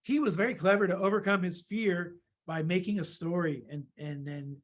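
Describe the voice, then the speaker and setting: A woman reading a children's story aloud and drawing along, lively and laughing, jumping into small character voices. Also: lowish voice, moderate pace. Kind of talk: storytime read-aloud for kids.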